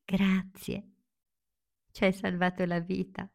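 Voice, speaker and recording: A woman's voice: mid-range voice, monotone, takes it slowly, gravelly, voice pushed up. A woman voicing a sweet, wide-eyed young girl who speaks with breathless awe. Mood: grateful.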